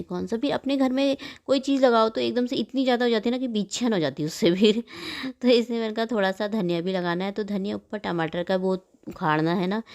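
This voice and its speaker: Fast-chatting woman vlogger. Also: mid-range voice, darkish tone. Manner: rambling and fast, talks quickly by her own account. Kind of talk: chatty voice-over about her morning cooking.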